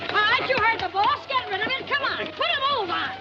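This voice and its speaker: An actress playing a brassy, bossy carnival sidekick with snappy slang in a 1940s film comedy. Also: female voice, very high-pitched, lively intonation, fairly quick, heavy background noise. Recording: dull old film soundtrack, loud music behind.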